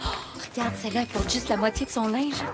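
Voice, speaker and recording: A woman's voice: a little high, quick pace, natural voice. An actress playing a bold, teasing young woman with a Québécois accent in film dialogue. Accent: Québécois French. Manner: brash and teasing. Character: bold, cheeky young woman hunting for a prince. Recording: music underneath.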